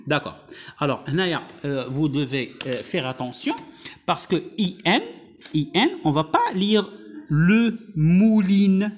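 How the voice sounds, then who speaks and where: A teacher with a Moroccan accent gives a French reading lesson, spelling out sounds and slowly repeating each word several times. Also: medium pitch, very animated, slight background noise. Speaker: primary school French teacher. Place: at home with a young child beside them.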